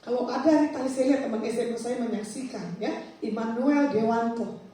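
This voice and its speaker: A woman evangelist, telling her own testimony in a sermon and acting out the dialogue in a lively way. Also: a little high, a little fast. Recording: echoey hall, voice far from mic.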